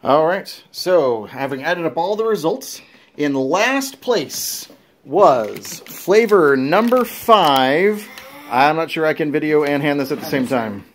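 A woman's voice: deep voice, expressive, slow pace. A woman hosting a family taste test on a casual home video, announcing things repeatedly like a game-show host. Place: home dining room with family around a table. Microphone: handheld phone camera.

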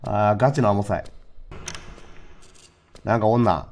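A man's voice: on the low side, measured pace, slight background noise. A man streaming a horror game, keeping up casual, unafraid, joking commentary and teasing the characters on screen. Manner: lively, dry running remarks to himself. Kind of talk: casual let's-play commentary.

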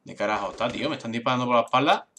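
Young male gaming YouTuber, bright tense tone, repeats words in frantic bursts. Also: mid-range voice. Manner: excitable, swears, repeats words rapidly. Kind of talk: live gameplay commentary.

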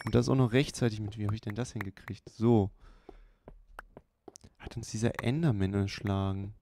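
A man hosting a let's play, giving unhurried, chatty running commentary with many fillers. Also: on the low side, steady tone, mellow. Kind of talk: casual gameplay commentary. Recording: clear background hiss.

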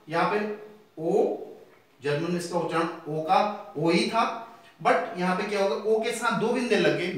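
A man's voice: high voice, recorded from a distance. Man lecturing in an echoey room. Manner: switches between slow, deliberate English and fast Hindi explanation. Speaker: language teacher. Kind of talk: classroom lecture.

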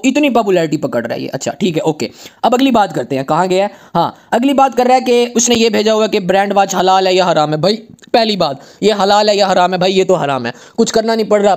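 Man, high voice, emphatic warnings, casual app review. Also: darkish tone. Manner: emphatic, warning, reads English text slowly. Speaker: YouTuber reviewing an earning app. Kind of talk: casual screen-share commentary.

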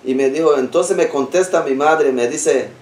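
A man recounts a personal story in a simple, repetitive way, stringing events together step by step. His voice sits a little high for a man. It sounds roomy and distant, as if he is some way from the mic. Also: normal speed, darkish tone. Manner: plain, repetitive telling, links events with "entonces". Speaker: interviewee recounting a personal experience. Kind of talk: conversational storytelling.

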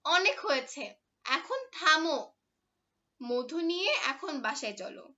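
A woman's voice: sits high, expressive, normal speed, bright, forceful tone, recorded from a distance, dull audio. A woman voicing a stern, exasperated mother who scolds her child, in a children's storybook reading.

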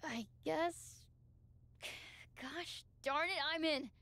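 An eager young wrestler. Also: female voice, high-pitched, very slow, bright, forceful tone, no room sound, exaggerated voice. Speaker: game character.

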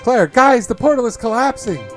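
A young girl's voice in an urgent, high falsetto, pressing the others to hurry, as a man puts it on. The pitch jumps well above his normal talk. Faint music plays under it. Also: lively intonation, moderate pace. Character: frightened little girl hero, urgent.

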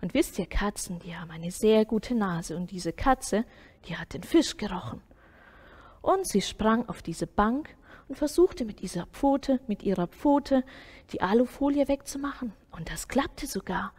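A woman reading a Sunday school story aloud to children, soft and often sinking to a near whisper. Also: mid-range voice, animated, a little slow, slightly rough.

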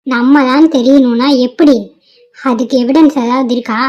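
A woman's voice: high-pitched, fairly even intonation, moderate pace, natural voice. A woman voicing a bold, scheming young office worker in a cartoon, speaking defiantly and dismissively. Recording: dull lo-fi cartoon audio.

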